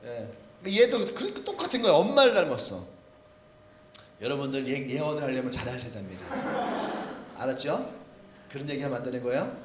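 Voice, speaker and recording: A man's voice: medium pitch, very animated, fairly quick, pauses often, reverberant, slight background noise. A male pastor giving a humorous storytelling sermon, acting out quoted voices. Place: church sanctuary.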